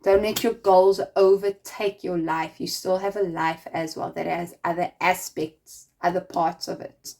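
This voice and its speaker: A woman's voice: lowish voice, steady tone, unhurried, hardly any pauses, a little mellow. A woman giving a casual spiritual tarot reading, chatty and rambling, full of fillers, speaking encouragingly straight to the listener. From not American. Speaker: tarot reader.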